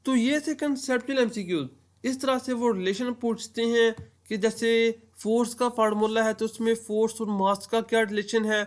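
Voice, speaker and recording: A man from Pakistan giving an explanatory lecture on entry tests, walking through worked examples step by step. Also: very high-pitched. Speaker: entry test teacher.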